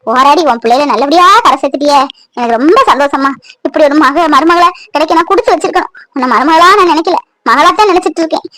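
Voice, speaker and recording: A woman's voice: sits high, fast talker, fairly bright tone. A woman voicing an elderly, tender mother-in-law in a cartoon, consoling and blessing her daughter-in-law. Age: older. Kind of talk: Tamil cartoon voice acting.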